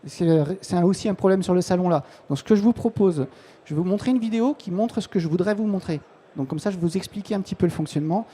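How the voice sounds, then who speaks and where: A man's voice: high-pitched, fast talker, dark tone, husky. A man, a technical support manager, giving a live conference presentation on a trade-show floor, informal and full of restarts and fillers.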